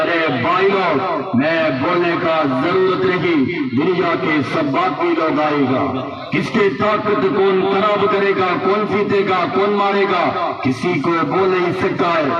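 High-voiced man booming over an outdoor loudspeaker. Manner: bombastic, rhythmic, declamatory. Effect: played through an outdoor loudspeaker. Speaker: ground announcer. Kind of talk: dramatic match promotion announcement. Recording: echoey, distant, muffled loudspeaker with crowd noise.

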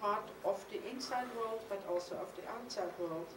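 A middle-aged woman with a German accent and a medium-pitched voice reads from a podium as an artist lecturing at a conference. Her prepared text is partly poetic, and her delivery is measured and reflective with some hesitations. On the stage of a mid-sized studio hall, she uses a podium mic on a stand, yet the recording, from the camera's distance, is echoey with a noisy background.

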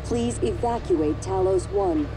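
A calm female station computer, giving even, measured alerts over the loudspeaker. Her voice sits at a middle pitch and comes through game audio with a clear hiss of noise beneath it. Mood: calm warning. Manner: even, measured, unhurried warnings.

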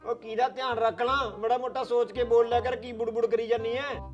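An actor playing a lazy, quarrelsome village husband in a comedy sketch, bantering loudly and teasingly. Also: male voice, very high voice, little pitch movement, a little fast, highs cut off, faint music behind. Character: lazy bickering village husband, middle-aged man. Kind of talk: rural comedy sketch acting.

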